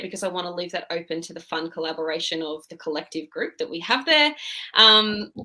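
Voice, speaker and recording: Parlak, keskin sesli bir kadın. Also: female voice, deep voice, bright, forceful tone. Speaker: director of theatre podcast productions. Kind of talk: casual interview talk about upcoming productions.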